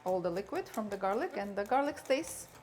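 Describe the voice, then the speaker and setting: A woman's voice: mid-range voice, expressive, fairly quick, a little mellow. A woman hosting a cooking show, chatting casually and explaining each step as she cooks. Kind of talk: casual chat while cooking.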